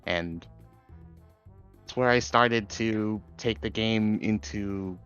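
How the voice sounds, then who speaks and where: Male podcast guest, lower register, understated, hesitant conversational delivery, music bed underneath. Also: slow pace, fairly bright tone, smooth, lo-fi sound. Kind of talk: casual chat about online games. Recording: music behind the voice.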